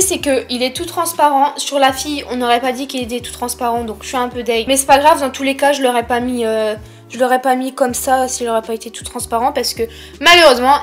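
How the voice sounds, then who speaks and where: Casting: young female haul vlogger, high-pitched, lisping s, informal chatty delivery, faint music underneath. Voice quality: lisp on s sounds. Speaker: vlogger presenting a shopping haul. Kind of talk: casual chatty haul presentation.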